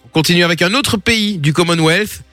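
A man's voice: sits high, a little fast, pushed and bright, no echo, soft background music. A man presenting a quiz on a radio show, in playful banter with co-hosts.

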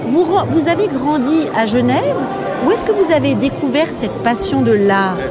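A woman's voice: sits high, sing-song, moderate pace, loud music behind the voice, a loud crowd. A woman hosting a radio interview, asking fluent leading questions. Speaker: radio host.

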